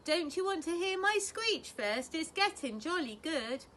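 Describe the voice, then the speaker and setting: A woman's voice: high-pitched, big pitch swings, a little slow, sharp tone, pitched above the performer's own voice, exaggerated voice. A woman reading a storybook, voicing a small young male barn owl in a childlike, plaintive way. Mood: eager.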